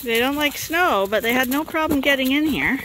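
A woman's voice: high voice, expressive, a little fast. A woman sheep farmer from Canada talking casually to the camera and coaxing her animals as she walks around the farm. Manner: chatty, coaxing animals, often laughing. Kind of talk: casual farm vlog narration. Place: outdoors on a snowy farm and in a barn. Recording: noisy outdoor farm recording. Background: sheep bleating and farm ambience.

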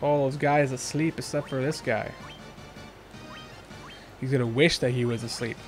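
A man's voice: medium pitch, steady tone, moderate pace, faint music behind. A young man hosting a let's play, thinking aloud in casual, chatty commentary.

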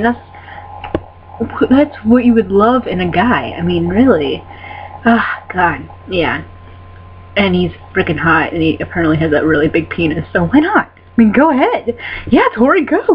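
A woman answering fan questions in a casual vlog, excitable and giggly, rambling with lots of fillers and casual swearing. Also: on the low side. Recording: dull lo-fi sound with faint hum.

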